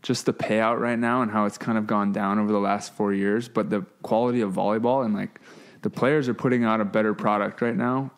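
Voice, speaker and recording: A man hosting a podcast who also plays the sport, talking in a relaxed way. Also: lowish voice, a little fast. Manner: relaxed, back-channels a lot. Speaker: podcast host and player. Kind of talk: casual chat.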